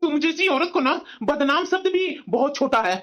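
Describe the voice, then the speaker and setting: A woman's voice: high voice, animated, normal speed, muffled recording. A woman voicing an angry young husband in a family cartoon, harsh and scornful. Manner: shouting accusations, scornful. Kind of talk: cartoon voice acting.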